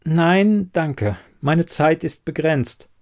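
A man voicing a curt, sharp woman investigator. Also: fairly high pitch, animated, extremely slow, voice pushed up. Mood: cool, clipped. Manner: curt, pointed questioning.

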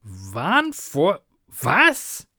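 A man voicing an excitable young female TV reporter, pleading and breathless. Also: very slow, dry recording, studio quality, heavily acted. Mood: indignant. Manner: breathless, pleading, high-pitched.

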